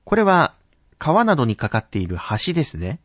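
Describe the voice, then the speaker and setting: Formal male announcing instructor, lively pitch. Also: no room sound. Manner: formal polite speech, slow careful enunciation of example words. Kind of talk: scripted spoken lesson on pitch accent. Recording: dull, dry narrow-band recording.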